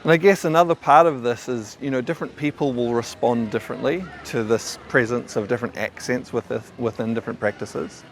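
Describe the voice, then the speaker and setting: This man has a mid-range voice and a mild New Zealand accent, talking fairly quickly with few pauses as a qigong teacher addressing the camera. His delivery is casual, thoughtful and rambling, full of stammered restarts and fillers, and a little hiss or hum sits under the recording.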